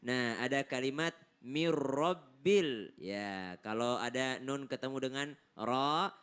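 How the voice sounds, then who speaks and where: A man teaching Quran recitation on TV, drilling letter sounds slowly and correcting them again and again. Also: mid-range voice, fairly bright tone, clean tone. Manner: pious interjections.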